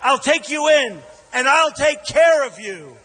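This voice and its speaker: Trusting, soft-hearted woman acted by an American man in a rally speech fable: high, melodramatic, forceful, long echo. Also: lively intonation, full character voice. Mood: tender. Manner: drawn-out, melodramatic. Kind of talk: dramatic rally speech recital of a verse fable. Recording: large echoing hall over PA.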